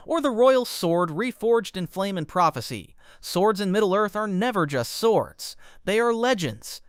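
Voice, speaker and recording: Man, scripted narration, wry jokey asides, high voice, very animated pitch. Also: clear, resonant tone, no room sound, studio quality. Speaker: lore explainer narrator.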